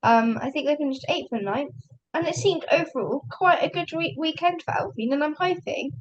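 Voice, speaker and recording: A young woman with a high voice co-hosts a podcast in casual chat. She is losing her voice, and she hesitates often and leans on "um". Her delivery stays relaxed. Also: normal speed, muffled recording. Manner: hesitant, many fillers. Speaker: podcast co-host.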